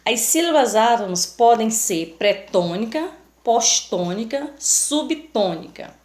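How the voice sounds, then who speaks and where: Brazilian woman teacher, slow and careful, dictating examples in an echoey room. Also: on the high side, lively intonation, a little mellow. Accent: Brazilian Portuguese. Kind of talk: recorded lesson.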